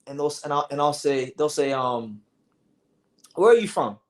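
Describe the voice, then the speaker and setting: A young man from South Florida hosting a casual livestream, talking in an animated way with lots of restarts and swearing. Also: a little high, moderate pace. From South Florida, USA. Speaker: livestream host. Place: home, sitting on a beanbag chair.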